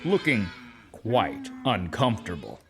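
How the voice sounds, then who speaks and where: A man playing a weary, aggrieved donkey who tells his journey for a children's audio drama, with deliberate dramatic pauses. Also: on the low side, very animated, over music. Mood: weary storytelling. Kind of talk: first-person children's audio drama narration. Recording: noisy, with animal and cricket ambience.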